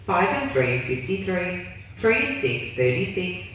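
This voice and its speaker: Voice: mid-range voice, big pitch swings, measured pace, fairly bright tone. A bingo caller announcing numbers digit by digit in short, formal set phrases. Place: large indoor bingo hall, heard over speakers. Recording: echoey hall PA from far off, noisy.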